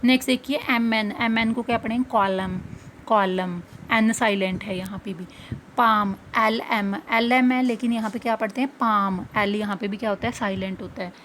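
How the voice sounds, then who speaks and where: A woman teaching phonics in a slightly high voice. She keeps asking the class questions and answers each one herself. A faint hiss sits under the recording. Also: steady tone, brisk, fairly bright tone. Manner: asks the class questions, then answers them. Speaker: English teacher. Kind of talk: explaining phonics step by step.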